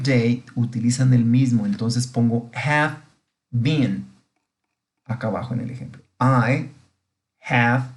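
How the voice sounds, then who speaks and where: A middle-aged man walks through an English grammar lesson for his students. He explains slowly and patiently, step by step, and keeps checking that they understand. His voice sits at an ordinary pitch for a man. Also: a little mellow. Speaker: English teacher. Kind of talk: recorded online grammar lesson.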